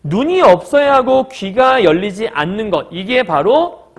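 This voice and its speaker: Male literature teacher, high and lively voice, lectures by firing questions at the class and answering them. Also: a little slow. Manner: breaks into short acted quotes of characters.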